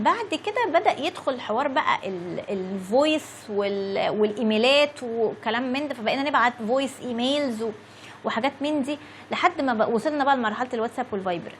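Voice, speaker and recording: A woman's voice: a little high, slight background noise. A woman in her thirties with an Egyptian Arabic accent, chatting to viewers as an English teacher and checking in with a frequent "okay?". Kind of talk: casual lesson talk to viewers.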